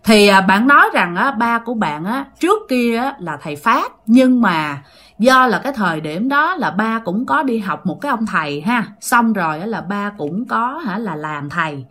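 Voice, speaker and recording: A woman's voice: medium pitch, expressive, normal speed, fairly bright tone. A woman telling a ghost story in a chatty way, often speaking straight to her listeners. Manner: chatty, addresses listeners directly. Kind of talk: casual ghost story narration.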